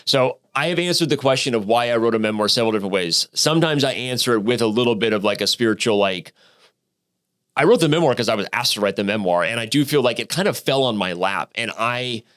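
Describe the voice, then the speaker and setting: A man in his thirties from Arizona, a podcast guest telling his story in a lively, profane way with many restarts and fillers. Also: medium pitch, fast. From Arizona, United States. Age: 30s. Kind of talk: casual storytelling interview.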